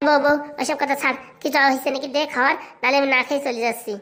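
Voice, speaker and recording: This is a hapless cartoon husband who tries to calm his wife down, played by a woman. The voice sits fairly high and the words come very fast. He sounds mild and placating. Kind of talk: cartoon voice acting.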